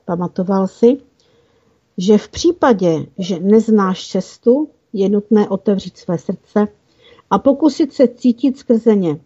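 A woman narrating a children's fantasy story in an even, careful reading style with small slips. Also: mid-range voice, husky. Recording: dull lo-fi recording.

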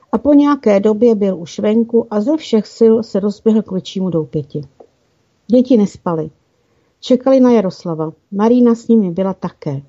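Husky-voiced woman reading a story. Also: mid-range voice, warm tone. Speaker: narrator. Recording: dull lo-fi recording.

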